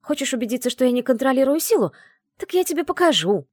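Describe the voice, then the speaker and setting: A woman's voice: sits high, big pitch swings, quick pace, darkish tone, breathy edge, dry recording, studio quality, full character voice. A woman voicing a defiant young witch student who snaps back in angry outbursts, in an audiobook. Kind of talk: audiobook dialogue reading.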